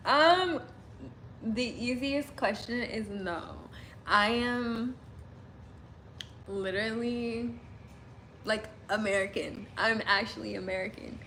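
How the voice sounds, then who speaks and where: Reading comments on a relaxed livestream, this young Midwestern woman from Illinois giggles frequently and leans on the word "like." She speaks slowly with frequent pauses, in a fairly high, slightly bright voice over faint background noise.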